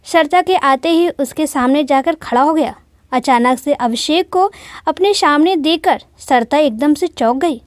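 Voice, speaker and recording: A woman's voice: sits high, measured pace, no room sound. A woman narrating a moral love story in a plain storytelling manner.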